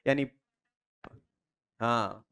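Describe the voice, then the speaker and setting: A man's voice: medium pitch, very slow, gravelly, pushed and bright, clear, resonant tone. A man from India teaching pronunciation in a classroom lecture. He asks his students questions, answers them himself and drills the key phrases again and again. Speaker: English teacher.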